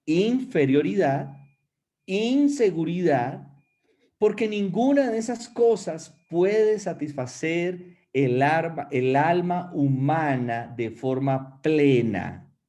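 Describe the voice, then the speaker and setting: A man's voice: on the high side, dark tone. A male pastor delivering a sermon with emphatic preaching. He addresses listeners directly and shifts his pace often.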